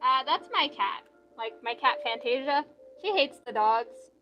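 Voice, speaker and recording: A woman's voice: high-pitched, expressive, a little slow, dull audio, soft background music. A young woman streaming and reading out live chat in a casual, rambling way, full of "like" fillers.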